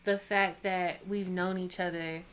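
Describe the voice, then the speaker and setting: A woman's voice: lowish voice, flat delivery, a little slow, fairly bright tone. A woman in her thirties, a podcast guest, chatting casually in an effusive, emotional way. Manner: emotional, effusive, laughs often. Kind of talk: casual chat.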